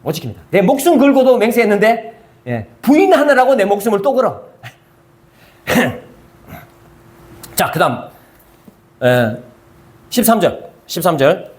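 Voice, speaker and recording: A man preaching a sermon, who asks the congregation questions, answers them himself and reads scripture in a measured way. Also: sits high, big pitch swings. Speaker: pastor. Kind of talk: sermon, Bible review.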